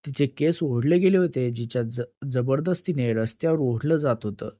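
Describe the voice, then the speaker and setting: A man narrating a dramatic story in a steady storytelling manner. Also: mid-range voice, moderate pace, dry recording.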